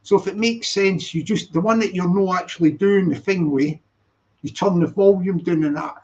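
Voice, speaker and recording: On a live stream, a man speaking at a moderate pace in a high-sitting, darkish voice answers viewer comments, reading them aloud as he rambles and repeats himself. The stream audio is dull and lo-fi.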